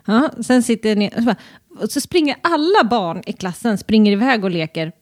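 Lively woman telling a story. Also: dry recording. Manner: animated storytelling, acting out a child's shrill demands. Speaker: podcast co-host. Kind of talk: casual chat.

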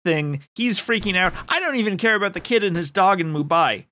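A high-pitched man talking through a film plot in casual chat. He's sardonic and rambling, often stopping mid-thought to restart. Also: lively intonation, fairly quick, bright, forceful tone. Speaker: podcast co-host recapping a film.

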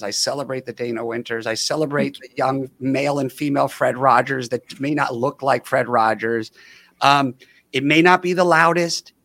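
A man hosting a podcast, speaking earnestly and effusively with slow, emphatic stresses as he closes an interview. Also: medium pitch, a bit bright. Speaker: podcast host. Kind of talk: warm podcast interview wrap-up.

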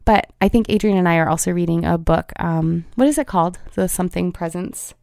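A woman's voice: fairly low pitch, brisk, creaky, dark tone, no echo, clean studio sound. A woman in her thirties, a pediatric feeding therapist, talking in an earnest, heartfelt way with frequent fillers in a conversational interview.

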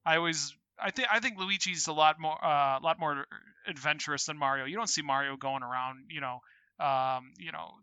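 Fast-talking bright-voiced man. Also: a little high, clear, resonant tone, no echo. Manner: quick and chatty. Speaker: podcast co-host. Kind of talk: casual chat.

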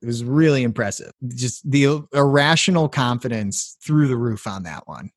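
A man's voice: medium pitch, lively intonation, normal speed, no echo, studio quality. Man recapping a movie with jokes. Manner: playful, recaps plot with jokes. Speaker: podcast co-host. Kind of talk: casual movie-review chat.

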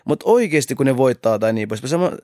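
A man's voice: medium pitch, lively intonation, mellow, dry recording, clean studio sound. A man co-hosting a casual podcast, a cornerman, rambling with lots of filler words and casual swearing.

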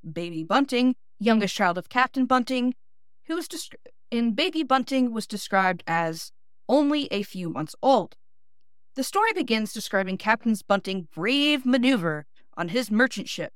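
A woman's voice: on the high side, a bit bright, smooth, no room sound, studio quality. A woman podcast host with a Northeast Ohio accent, reading scripted history narration with small self-deprecating asides. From Midwestern United States.

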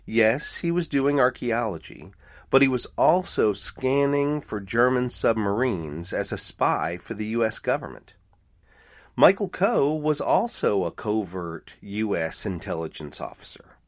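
A man's voice: medium pitch, unhurried. A middle-aged man hosting his own podcast, telling stories in a casual, wry, conversational way. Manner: animated, conversational, wry asides. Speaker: podcast host, archaeologist.

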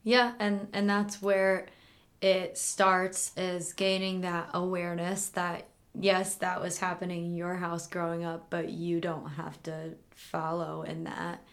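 Slow-talking woman in reflective chat. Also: lowish voice, completely flat delivery. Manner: slow, reflective, laughs easily. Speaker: podcast co-host. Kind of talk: casual chat.

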